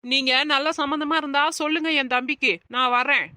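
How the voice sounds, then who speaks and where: A woman's voice: high voice, steady tone, brisk, sharp tone, no echo. A woman playing a glib, gossiping neighbour in a family drama skit, breezy and dismissive.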